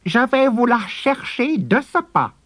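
A man's voice: very high voice, sing-song, measured pace, fairly bright tone, no room sound, studio quality, voice pushed up, full character voice. A man putting on the voice of a crafty, fawning peasant farmer in a storybook. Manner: overly polite, fawning. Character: crafty, bowing, obsequious male peasant farmer.

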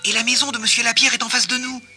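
A man voicing a sensible, helpful male rabbit who calmly guides his friends. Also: very high voice, fast talker, faint music behind, voice pushed up, exaggerated voice. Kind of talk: storybook reading.

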